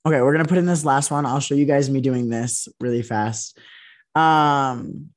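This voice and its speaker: A man's voice: mid-range voice, fairly even intonation, normal speed. A young man hosting a podcast in casual, profane chat, losing his voice and using many fillers. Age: young adult. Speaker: podcast host.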